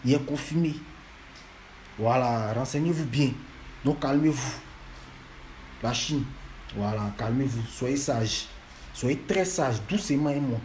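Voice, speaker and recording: A man's voice: mid-range voice, slow, pauses often, darkish tone, a little hiss or hum. A man, lecturing and scolding fans in a repetitive, emphatic monologue. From Ivory Coast.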